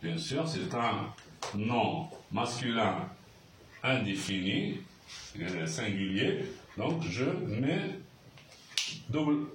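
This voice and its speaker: Patient male teacher, slow and lively in pitch, recorded at a distance in an echoey room. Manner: patient, repeats words, many hesitations. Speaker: Arabic teacher. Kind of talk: slow handwriting lesson. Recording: roomy, far from the mic, faint hiss.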